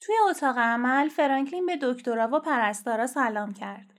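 A woman reading a children's storybook aloud in a steady, clear and gentle manner. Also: fairly high pitch.

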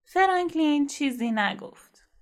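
A woman reading a children's storybook aloud in a steady, clear and gentle manner. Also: sits high.

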